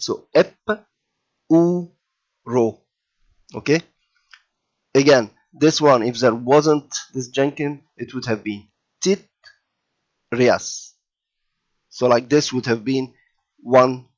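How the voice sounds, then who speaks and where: A man teaching children to read letters, patient and unhurried, often pausing with "okay" and repeating sounds slowly. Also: medium pitch, gravelly. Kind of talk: slow explanatory lesson for children.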